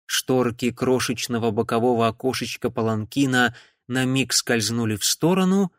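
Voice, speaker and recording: A man reading an audiobook in a measured, dramatic way. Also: mid-range voice, dry recording, clean studio sound. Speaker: audiobook narrator. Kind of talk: audiobook narration.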